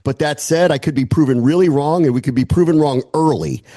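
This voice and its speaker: Here the American football analyst, again a podcast guest, speaks in a fairly high, brisk and mellow voice, recorded at studio quality with no echo. He stays conversational and opinionated, frequently raising questions and thinking through the answers out loud.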